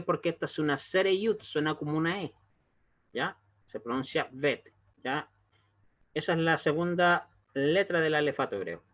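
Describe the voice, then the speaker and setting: Patient man teaching, slightly high voice. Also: sharp tone. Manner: slow and patient, often checks in with a quick "¿ya?". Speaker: Hebrew teacher. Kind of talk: online language lesson.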